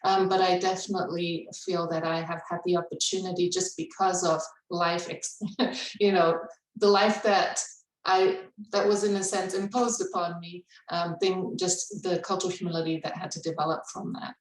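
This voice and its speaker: A woman with an Indonesian upbringing, speaking as a cultural humility trainer, shares thoughts in a webinar with a reflective air and ready laughs. Lowish in pitch and moderate in pace, she sounds roomy and far from the mic.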